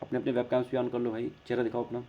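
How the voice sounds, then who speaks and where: A man's voice: medium pitch, completely flat delivery, quick pace, dull audio. A man with an Indian accent teaching an online class, mixing Hindi and English and checking in often with his students.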